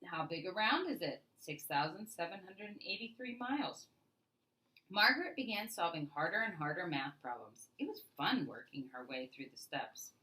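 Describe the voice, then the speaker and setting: Bright and crisp-edged, sitting a little low, a woman's voice narrates a children's book with expressive, deliberate phrasing and a sing-song lilt. Like a storyteller, she leans on key words, though the audio is poor.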